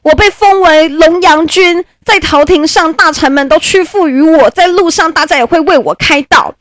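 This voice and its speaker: Woman reading a plaintive ancient courtier, high and anxious, in a dry room. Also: moderate pace, no room sound, close to an everyday voice. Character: ancient male courtier, tearful, anxious favorite.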